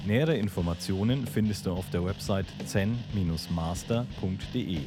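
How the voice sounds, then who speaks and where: A man reading literature aloud and speaking to listeners as a podcast host, calm and measured. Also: deep voice, over music. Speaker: audiobook reader and podcast host.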